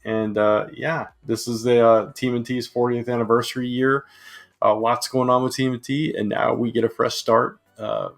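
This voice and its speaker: A man hosting a casual comic book review, eager and chatty, with lots of fillers and restarts, his voice a bit hoarse. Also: medium pitch. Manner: enthusiastic, with many fillers and restarts. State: slightly hoarse.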